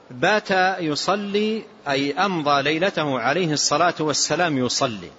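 A male scholar giving a lesson on a classical text, explaining phrase by phrase, repeating himself and pausing with drawn-out fillers. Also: fairly high pitch, fairly bright tone. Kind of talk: lesson commentary. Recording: dull lo-fi recording with faint hiss.

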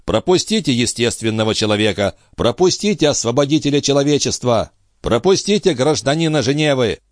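A man reads an audiobook, voicing a pompous, self-important young surgeon who declaims, pitching the character above his own natural voice. His mid-range delivery is unhurried with big swings in pitch, captured in a dry, clean studio recording.

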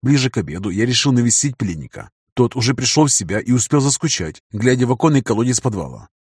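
A man's voice: mid-range voice, big pitch swings, quick pace, darkish tone, slightly rough, no echo, clean studio sound. A man narrating a first-person audiobook in a casual, wry storytelling manner.

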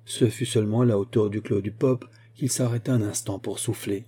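Husky dark-voiced male narrator. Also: lowish voice, fairly quick. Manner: lively storytelling, voicing the grandfather's lines. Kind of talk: audiobook reading of a fantastic tale.

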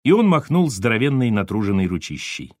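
A man narrates an audiobook in a measured, expressive voice. His pitch moves freely through each sentence. The recording is close and dry, with no room sound. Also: no echo.

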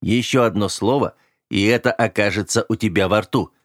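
A pleasant, self-assured young man with a chilling edge, as a male reader puts him on, read a little higher than the reader's own voice. He moves between light banter and cold, measured calm. The sound is close and dry. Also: no echo, lightly acted. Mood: steely. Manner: cheerful, then cold and clipped. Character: genial but menacing young man, calmly dominant. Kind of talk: audiobook character voice.

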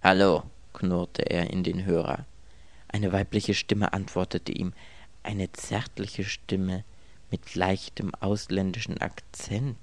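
A man reading a story aloud as its narrator, telling it in a wry, expressive way. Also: deep voice, slow, no room sound. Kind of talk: scripted audiobook narration.

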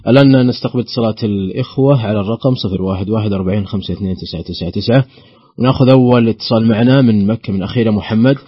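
A male radio host who briskly welcomes listeners and announces the call-in number. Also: lowish voice, breathy edge, no echo, dull audio. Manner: brisk, welcoming, prompting the guest. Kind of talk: radio call-in show hosting.

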